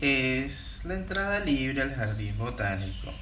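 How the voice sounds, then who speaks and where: A man's voice: medium pitch, big pitch swings, measured pace, bright, forceful tone. A man talking casually as the co-host of a travel podcast. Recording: echoey room, faint background noise.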